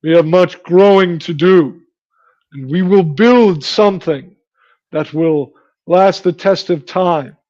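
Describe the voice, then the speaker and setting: Casting: man as solemn tabletop leader, deliberate and resolute, slightly muffled sound. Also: sits high, darkish tone. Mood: grave, resolute. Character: grave, measured male leader vowing to build an empire.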